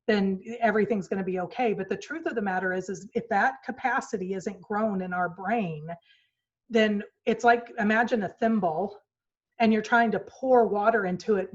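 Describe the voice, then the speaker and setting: A woman's voice: mid-range voice, dull audio. A woman in her forties giving a motivational talk, earnest and storytelling, acting out quoted lines with changes in tone. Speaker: speaker at a virtual retreat. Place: home office. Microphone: video call mic.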